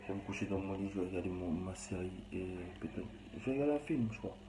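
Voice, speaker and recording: A man's voice: low-pitched, fast, reverberant, noisy background. A young man with a Cameroonian accent talks bluntly and rambles in a casual, slangy monologue. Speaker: vlogger.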